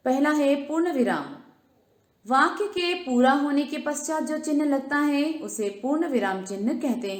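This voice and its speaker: Echoey-voiced woman teaching a lesson. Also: on the high side. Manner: slow, emphatic reading of examples with rhetorical questions. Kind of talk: grammar lesson reading and explaining.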